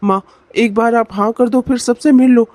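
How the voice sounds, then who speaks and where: A man voicing an earnest young son in a cartoon, who calmly reassures his mother. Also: very high-pitched, moderate pace, no room sound. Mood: reassuring. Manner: calm, reassuring. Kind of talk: cartoon voice acting.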